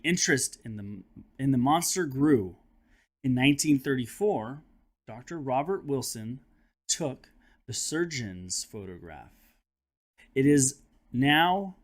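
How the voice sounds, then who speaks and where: A male third-grade teacher with a medium-pitched voice reads a children's nonfiction book aloud. His delivery is expressive and teacherly, and he speaks directly to his young listeners.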